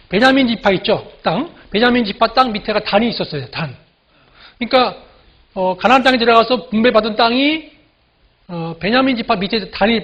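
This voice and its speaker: Pastor guy preaching, high husky voice, chatty, keeps asking the room "right?", dull lo-fi sound. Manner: conversational preaching, frequent "그죠?" asides to the congregation; slow deliberate scripture reading. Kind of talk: sermon. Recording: dull lo-fi recording.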